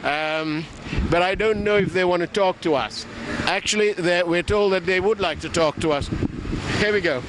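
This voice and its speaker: Brief: higher-voiced male field reporter, chatty live delivery, loud street traffic behind. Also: moderate pace. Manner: conversational, frequent fillers. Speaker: news reporter. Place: city street outdoors. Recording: outdoor street with traffic noise.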